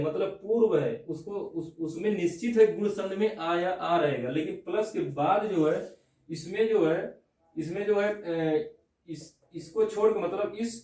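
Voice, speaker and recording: A man's voice: high voice, a little mellow. A man teaching a classroom grammar lesson, asking questions and checking that his students follow. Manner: checks understanding with repeated "theek hai na?". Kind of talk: classroom lecture on Hindi grammar. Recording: echoey room, distant mic.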